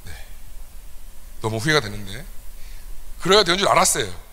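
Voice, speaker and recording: A young adult man preaching a confessional sermon to a youth service, moving from quiet asides to sudden loud outbursts, recorded in a church sanctuary. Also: medium pitch, big pitch swings, normal speed. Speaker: youth pastor. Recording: church hall with long reverb.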